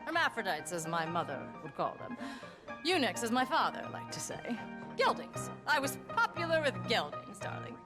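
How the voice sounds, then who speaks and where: A high-voiced British woman, the drunken town lush of a Western game. Her delivery is theatrical, bawdy and self-pitying, swinging widely in pitch, with music behind her. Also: big pitch swings, moderate pace. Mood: boozy self-mockery. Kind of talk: video game character acting.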